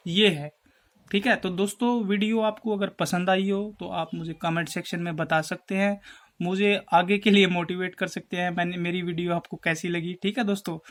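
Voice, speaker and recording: A man from Haryana, teaching an exam-prep lesson and explaining memory tricks slowly, checking in often with his viewers. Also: high-pitched, fairly bright tone. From Haryana, India. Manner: explains slowly, checks in with repeated "theek hai", addresses viewers as friends.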